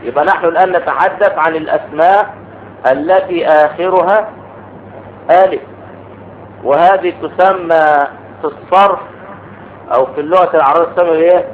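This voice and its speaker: A man's voice: a little high, steady tone, normal speed, long pauses. A man teaching an Arabic grammar lesson, explaining step by step and asking the class questions. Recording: tinny phone-like recording with faint noise.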